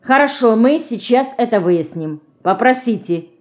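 A stiff, officious police detective from a storybook, pompous and formal in his speech, as a woman reads him aloud. He switches to shrill shrieks when he gets scared. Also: lively intonation, measured pace. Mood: stern, officious.

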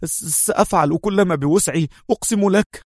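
A man's voice: high-pitched, fairly quick, a little mellow, no room sound, studio quality, voice pushed up. A man voicing a nervous young hacker who stammers, in an audiobook. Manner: stammering, anxious. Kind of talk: audiobook character voice.

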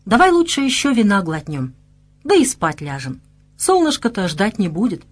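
A brash young male warrior speaks with a mocking, flippant edge, as a woman narrator plays him. He sounds quick to tease and slow to take things seriously. It is a plainly read audiobook role. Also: medium pitch, sing-song. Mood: boastful. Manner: teasing, flippant.

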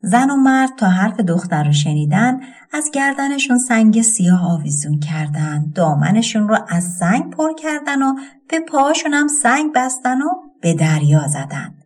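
A woman narrating a folk tale audiobook with an expressive storytelling cadence. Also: on the high side.

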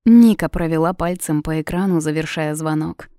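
A woman narrating a fantasy novel in an even, measured reading. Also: deep voice, no room sound, studio quality. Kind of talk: audiobook fiction reading.

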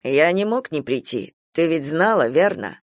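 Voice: medium pitch, lively intonation, measured pace, no echo, clean studio sound, lightly acted. A reader voicing Troy, a young soldier, cool and mocking, in an audiobook. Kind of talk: audiobook character reading.

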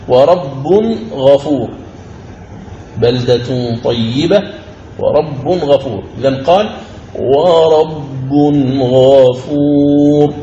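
A man teaching the rules of Quran recitation in a recorded lecture. He explains each rule step by step, repeats key phrases, and slows into a chanted recitation for each example verse. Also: mid-range voice, a little mellow, highs cut off. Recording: roomy recording with faint ambient noise.

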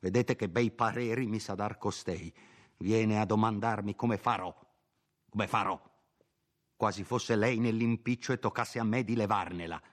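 A man's voice: sits low, normal speed, breathy edge. A man voicing a timid, fearful older country priest in an audiobook, peevish and grumbling. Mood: fretful. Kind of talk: audiobook character voice.

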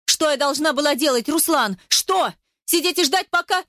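A woman voicing a defiant, fiery young woman who shoots out sharp, demanding questions, in an audiobook. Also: high-pitched, normal speed, dry recording, studio quality, voice pushed up. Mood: furious. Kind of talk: audiobook character voice.

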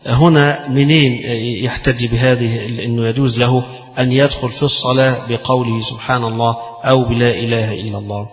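A man with an Egyptian accent giving a religious lesson, explaining texts in plain speech and reciting quoted rulings slowly. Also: mid-range voice, steady tone. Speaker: Islamic scholar teaching fiqh. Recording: roomy, long reverb, dull lo-fi sound.

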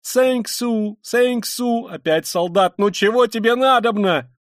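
Guy putting on a high shrill frantic sick lady, proud and hysterical, audiobook, dry sound. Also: fast talker, dry recording, lightly acted. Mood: scolding. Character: feverish consumptive impoverished noblewoman, proud and hysterical.

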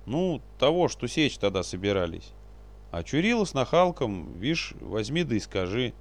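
A man doing a grey-haired old warrior in a storybook, unwilling and hesitant, picking his words with a slow, halting delivery. His voice rises and dips with lively intonation. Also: medium pitch, pitched above the performer's own voice. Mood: reluctant. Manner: hesitant, mumbling, reluctant.

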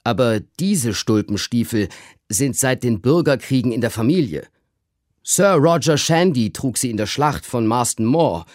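A man voicing an irritable, pompous older gentleman who blusters at his household in a literary reading. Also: mid-range voice, lively intonation, unhurried, no echo, clean studio sound, lightly acted. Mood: blustering. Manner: gruff and blustering.

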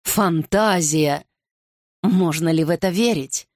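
A woman's voice: on the low side, unhurried, a little mellow, no room sound, studio quality, lightly acted. A woman reader voicing a stern, commanding king who growls his threats. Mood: suspicious.

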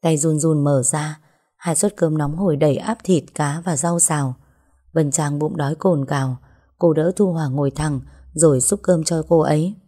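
A woman narrating a scripted story in a steady, even way. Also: low voice, moderate pace.

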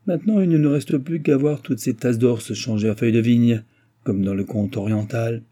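A man voicing a gruff, mocking older baron who grumbles, in an audiobook reading. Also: mid-range voice, moderate pace, mellow, lightly acted. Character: mocking old male baron, gruff and loud.

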